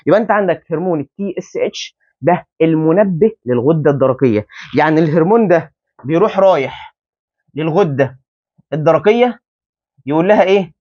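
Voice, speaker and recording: A man with an Egyptian Arabic accent teaching a biology lesson at a whiteboard, quizzing students with quick rhetorical questions. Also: a little high, expressive, darkish tone. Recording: dull lo-fi sound.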